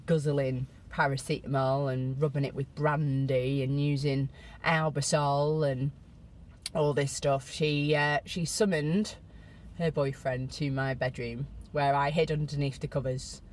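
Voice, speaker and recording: A middle-aged woman from Britain talks straight to the camera in a low, easy voice. She tells her story casually, poking fun at herself, and her pitch shoots up high when she wants to stress a point. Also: a little hiss or hum. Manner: chatty, self-mocking, with sudden high squeals for emphasis. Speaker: vlogger.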